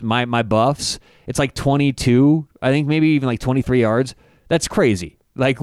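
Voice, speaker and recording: A man talks through college football betting picks in a relaxed, analytical way, piling up advanced stats. His voice is smooth and clean, recorded dry and close with no room sound. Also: medium pitch, no room sound. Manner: stat-heavy, halting with restarts. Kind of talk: casual analytical sports chat.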